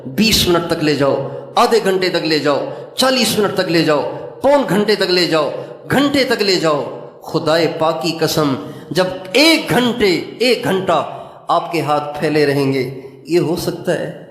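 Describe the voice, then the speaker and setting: An older man delivers a sermon in an earnest, pleading voice that sits high for a man. He slows into chanted Arabic supplications between his appeals. The sound is roomy, with a long echo trailing each phrase as in a large hall. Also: lively intonation, fairly bright tone. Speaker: Islamic preacher. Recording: echoey hall with long reverb.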